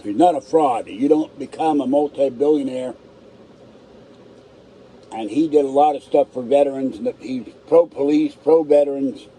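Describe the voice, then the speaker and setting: A man's voice: medium pitch, normal speed, warm tone, a little hiss or hum, rough recording. A man with a natural lisp and no upper teeth, his tongue hitting the roof of his mouth, talking bluntly and casually on a live stream. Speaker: livestream host. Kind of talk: casual live stream chat, reading aloud and commenting.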